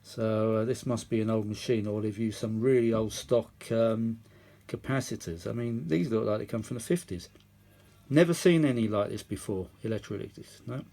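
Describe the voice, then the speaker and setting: Recorded on a phone at the workbench, this man has a lowish, gravelly yet mellow voice at a moderate pace. He's a vintage audio repair hobbyist and video host, rambling through casual hands-on commentary in a matey way, full of tag questions.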